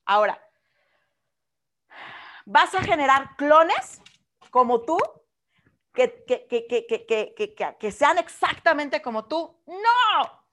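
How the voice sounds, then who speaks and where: A woman mentor speaks in a high voice. She delivers a lively motivational talk with plenty of emphasis. She keeps checking in with her listeners through quick rhetorical questions. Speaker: business mentor.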